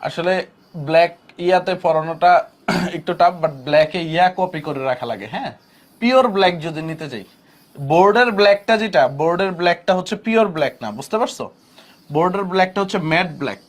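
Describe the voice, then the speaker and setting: A male chemistry teacher lectures a class in a high-pitched, fast voice with lively intonation. Speaking casual, colloquial Bangladeshi, he repeats each point and quizzes the students before giving the answers himself.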